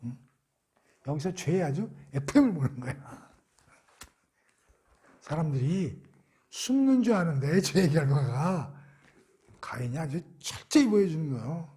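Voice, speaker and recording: A man's voice: fairly high pitch, very animated, a little slow, pauses often, warm tone, breathy edge. A man giving a Bible study lecture, asking rhetorical questions and answering them himself in a conversational way. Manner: conversational, acts out quotes.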